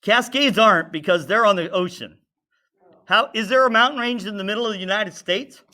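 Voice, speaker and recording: This male teacher speaks a little fast in a high, bright, pushed voice during a relaxed classroom science lesson. Drawing as he explains, he chats, questions the students, and talks to himself at the board.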